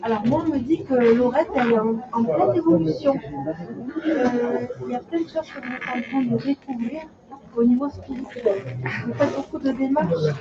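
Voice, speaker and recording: A woman's voice: high voice, moderate pace. A woman giving live readings as a medium, speaking spontaneously in short, repeated, reassuring fragments. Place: public hall with audience. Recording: dull sound, loud crowd noise. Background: loud crowd.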